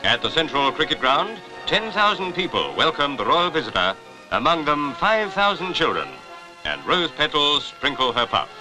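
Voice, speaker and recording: On a rough vintage newsreel soundtrack with music behind, a narrator speaking in British Received Pronunciation delivers scripted 1950s commentary in a clipped, formal, jaunty manner. His voice is fairly high and sing-song, at a normal speed.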